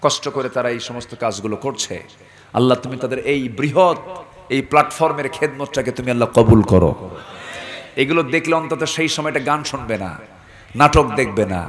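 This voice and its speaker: A man's voice: medium pitch, brisk. A man preaching a fiery sermon to a crowd, demanding call-and-response and dropping into joking asides. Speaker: preacher at a waz gathering.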